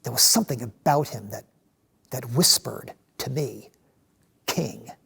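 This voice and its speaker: Guy doing a fiery zealot disciple monologue, raspy and creaky, halting but emphatic storytelling. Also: mid-range voice, bright, forceful tone, full character voice. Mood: wondering. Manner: halting, emphatic delivery with repeated words and swells. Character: passionate male zealot disciple, restless man of action, recalling Jesus. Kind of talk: dramatic monologue, first-person storytelling.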